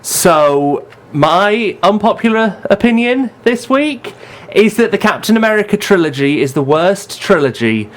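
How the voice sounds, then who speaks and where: A man hosting a casual film podcast, arguing his opinions in quick bursts. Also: high-pitched, very animated. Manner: opinionated, fast bursts of argument. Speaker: podcast host. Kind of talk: casual chat.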